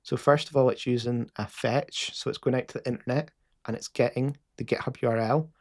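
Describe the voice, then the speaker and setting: A Scottish man talks through a live coding session in a loose, casual way, full of fillers and restarts. His voice has a gravelly, creaky edge at a middling pitch. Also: fairly even intonation, brisk, a little mellow. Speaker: host.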